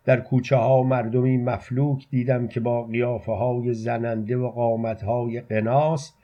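A man reading a literary story aloud as narrator, with measured, even delivery, in a muffled lo-fi recording. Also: mid-range voice.

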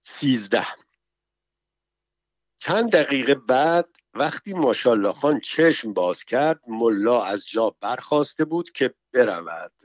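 A man narrates a story in a steady, measured reading voice at a middle pitch. The recording is close and dry, with a muffled, narrow sound. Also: no echo. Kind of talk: audiobook narration. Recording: dull, muffled audio.

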